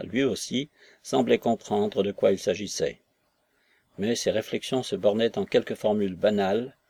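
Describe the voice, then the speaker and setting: A man narrating a classic novel for an audiobook. His voice sits low and his delivery is steady and even. He keeps a calm, scripted storytelling pace. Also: husky.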